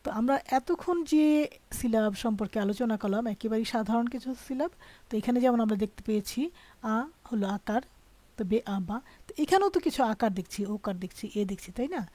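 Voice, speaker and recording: A woman teacher patiently explaining a language lesson, often pausing to check that students follow. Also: on the high side, lively intonation, warm tone, no echo. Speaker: French teacher.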